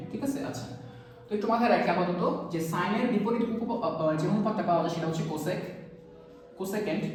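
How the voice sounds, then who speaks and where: Fast-talking teacher in an echoey room. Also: mid-range voice. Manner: keeps quizzing students with quick rhetorical questions; repeats key terms to drill them in. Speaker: math teacher. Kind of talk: classroom-style math lesson. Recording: very echoey room, voice far from mic.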